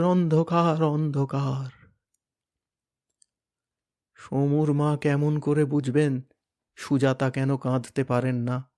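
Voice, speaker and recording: A man reading a novel aloud in a dramatic, expressive manner, sometimes dropping to a hush. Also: on the high side, smooth. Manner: expressive, varied, hushed at moments. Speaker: reader of a novel.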